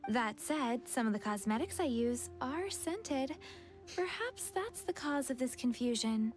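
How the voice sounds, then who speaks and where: An actress voicing a composed young fortune teller in a video game, measured and politely reserved. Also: female voice, sits high, animated. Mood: composed, informative. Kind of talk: anime video game character acting. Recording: music behind the voice.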